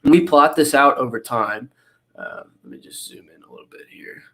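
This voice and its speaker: Talking at a normal speed with a medium-pitched, slightly bright voice, a young man nasal from a cold walks through charts as a guest analyst. The casual video-call interview finds him rambling, full of fillers and restarts.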